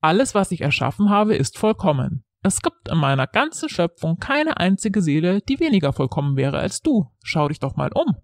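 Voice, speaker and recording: A woman voicing a gentle, reassuring God in a storybook reading. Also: fairly low pitch, very animated, normal speed, hardly any pauses, no room sound, studio quality. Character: calm, kindly God, male elder.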